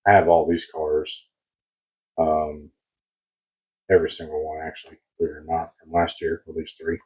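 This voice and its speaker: An American man rambling casually as he hosts a hobby unboxing video, husky, on a close mic that sounds boomy and muffled, like inside a submarine. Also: little pitch movement, moderate pace, darkish tone. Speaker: host of a diecast car collecting channel. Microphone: new mic placed very close.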